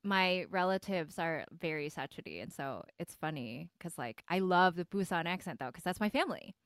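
A woman in her thirties from Michigan with a Midwestern American accent, a podcast guest chatting casually in an excitable, animated way and laughing loudly. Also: fairly low pitch, moderate pace, clean tone, no room sound, studio quality. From Michigan, USA. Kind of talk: casual chat.

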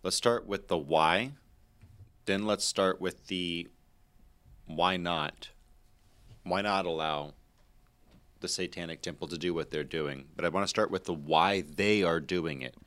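Give me a deep-voiced man leading a Bible talk. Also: a little slow, pauses often, fairly bright tone. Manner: emphatic, preacherly build-ups. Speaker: host leading a discussion.

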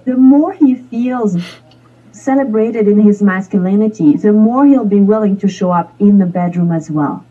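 A woman coach answering as an interview guest, speaking frankly and explicitly as she calmly explains her advice over a remote call. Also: medium pitch, moderate pace. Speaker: sex and relationship coach, guest. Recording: distant, muffled call audio.

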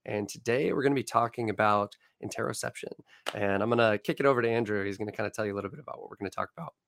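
A man co-hosting a casual live science talk, his voice hoarse and croaky like a frog from laryngitis. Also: on the low side, very fast, a bit bright. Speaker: co-host and social neuroscientist.

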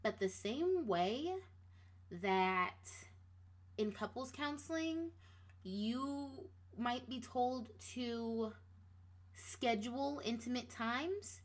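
A woman's voice: a little high, drawn-out words. A woman talking casually to her listeners in a rambling, self-interrupting way with lots of fillers, with a playfully sassy edge. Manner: rambling, many fillers and restarts. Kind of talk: casual motivational monologue.

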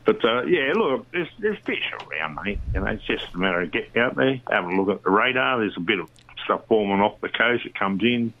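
A low-pitched Australian man chatting casually on radio about conditions. He rambles along with plenty of fillers and restarts. The line sounds dull and lo-fi. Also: sing-song, a little fast. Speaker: fishing reporter.

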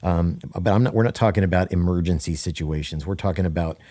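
A low-voiced man talks on a podcast as a worship leader, his tone warm and mellow. He speaks earnestly, hammering points home by repeating them, and slips in deadpan jokes. The sound is dry and close, with no room around it. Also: fast talker, dry recording. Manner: earnest and emphatic, repeats key phrases for stress. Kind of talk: casual podcast conversation.

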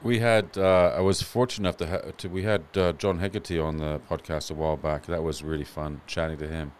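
Deep-voiced male podcast host. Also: steady tone, a little fast, a little hiss or hum. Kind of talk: conversational interview.

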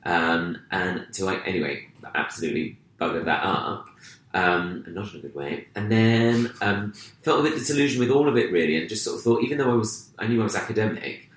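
A man's voice: deep voice, animated, brisk, a bit bright. A young man from England, chatting as a guest and telling stories in a chatty, self-mocking way. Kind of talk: casual chat. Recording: roomy echo.

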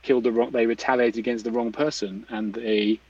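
A man's voice: mid-range voice, flat delivery, a little fast, a little mellow, slightly rough, no echo. A man explains things casually and thoughtfully, often restarting and rephrasing as he goes. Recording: distant mic, slightly dull, dry sound.

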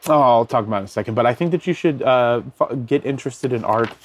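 A man's voice: medium pitch, fast. A man hosting a casual lo-fi podcast, rambling loosely with many fillers as he talks from his bed at home. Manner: rambling, many fillers, looks things up mid-talk. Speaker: podcast host.

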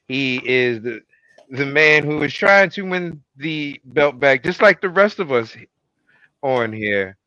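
A male podcast host announcing in a ringmaster style, with booming, drawn-out showman delivery. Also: lively intonation, sharp tone, no room sound, dull audio.

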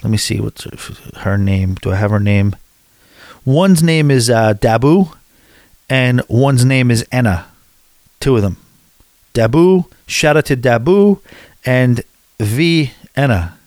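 American guy rambling thru a trip story, dry close sound, middle pitch. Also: expressive, slow, pauses often, a little mellow, no room sound. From USA. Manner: rambling, chatty storytelling with restarts. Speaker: cruise vlogger. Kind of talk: casual recap.

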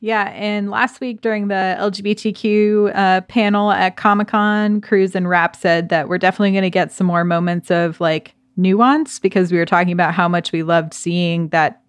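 A woman's voice: mid-range voice, fairly even intonation, normal speed, hardly any pauses, clear, resonant tone, dry recording, studio quality. A woman co-hosting a podcast in casual chat, talking in a chatty way with many fillers. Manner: chatty, uses fillers like 'like'. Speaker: podcast co-host.

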